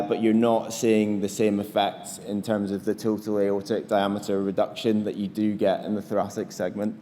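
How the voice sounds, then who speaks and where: A man's voice: lowish voice, dark tone. A man answering questions at a conference, hesitant with many restarts. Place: conference hall. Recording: long reverb of a hall, faint noise.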